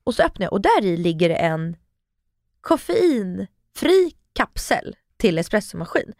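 A woman in her thirties chatting on a podcast, voice leaping up high whenever she acts out a line. Dry, close sound with no room around it. She tells a long story with lively swings. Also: no room sound. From Sweden. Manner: animated storytelling, acting out quotes with big pitch jumps. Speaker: podcast co-host. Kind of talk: casual chat.

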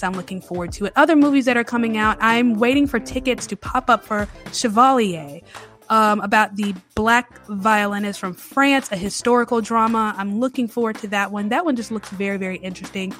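A woman's voice: medium pitch, moderate pace, a bit bright, faint music behind. Chatty woman hosting a film podcast. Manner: chatty, candid, repeats herself for emphasis. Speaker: podcast host. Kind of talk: casual solo film review. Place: New Orleans.

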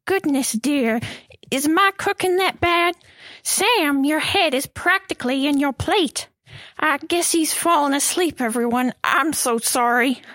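A woman voices a prim, fluttery housewife in a vintage radio mystery, pitched high. She speaks slowly and properly, with a dry, close sound. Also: fairly bright tone, no echo. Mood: flustered. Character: prim middle-aged housewife, nervous hostess. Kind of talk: 1940s radio drama acting.

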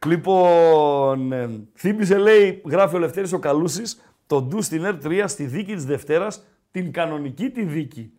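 A man hosting a podcast, talking sport in a casual, joking, animated way. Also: fairly high pitch. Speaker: podcast host.

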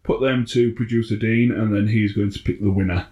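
Guy on a podcast, lowish voice, dry wry jokes, mumbles the ends of lines. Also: steady tone, brisk, warm tone. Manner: dry, wry, drops volume at sentence ends. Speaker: podcast co-host. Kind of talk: casual chat.

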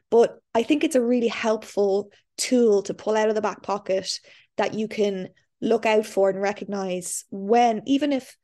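An Irish woman speaks as a podcast host. Her voice is average in pitch. She talks to listener and guest in a chatty, effusive manner. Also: darkish tone. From Ireland. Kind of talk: scripted podcast introduction, then casual interview chat.

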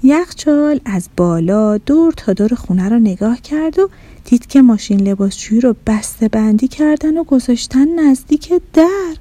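A woman narrating a children's story in an expressive, animated storytelling manner, recorded close on a studio mic. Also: a little high, no echo.

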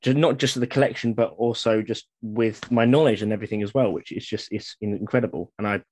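A man's voice: lowish voice, quick pace, a little mellow. A man, a reenactor guest on a podcast, talking enthusiastically in a rambling way with many fillers. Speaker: guest, living history reenactor. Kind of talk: casual podcast chat.

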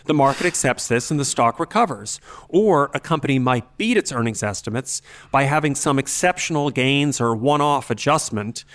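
As an expert podcast host, this man explains things articulately and analytically at a measured pace, using an expressive, somewhat bright voice of medium pitch.

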